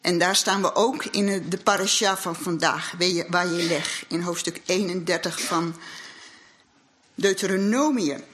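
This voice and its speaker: A woman's voice: on the low side, steady tone, unhurried, fairly bright tone, a little hiss or hum. A woman giving an earnest, reflective sermon in a church hall, weaving scripture with her own experience. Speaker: lay speaker at a congregation. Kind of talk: sermon with personal testimony.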